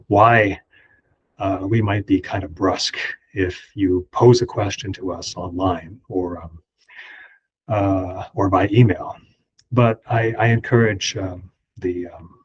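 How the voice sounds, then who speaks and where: A man who is an immigration lawyer, hosting a webinar in an unscripted, halting way with many ums and restarts, heard through a computer mic on a video call. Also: low-pitched, breathy edge, lo-fi sound. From Canada.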